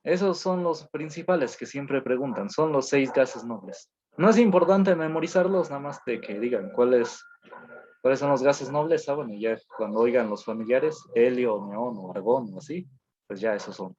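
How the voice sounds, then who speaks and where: A male teacher giving an online class, dictating notes slowly with many fillers and repeated phrases. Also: medium pitch, darkish tone, slight background noise. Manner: slow dictation with frequent fillers and repetitions. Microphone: video call. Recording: dull lo-fi online call audio.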